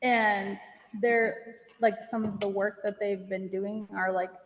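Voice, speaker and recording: A woman town manager talks slowly and flatly in a mid-range voice at a meeting, rambling informally and saying "like" constantly. The hall is echoey, with long reverb.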